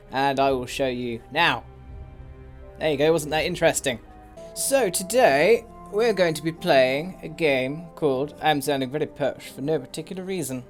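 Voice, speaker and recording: A man chatting excitably while playing a video game, reading bits aloud and reacting as he goes. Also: on the high side. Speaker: gaming YouTuber. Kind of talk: casual let's play commentary.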